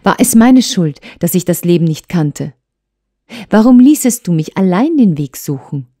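A woman's voice: fairly low pitch, a little slow, mellow. A woman reading as a hurt young wife. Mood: reproachful. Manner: emotional, urgent, reproachful.

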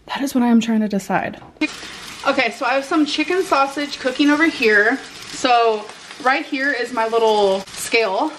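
A woman's voice: on the high side, normal speed, fairly bright tone, slight background noise, poor audio. A young adult woman chatting casually to her viewers as she vlogs indoors at home. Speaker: vlogger. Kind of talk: casual vlog chat. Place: indoors at home, kitchen and rooms.

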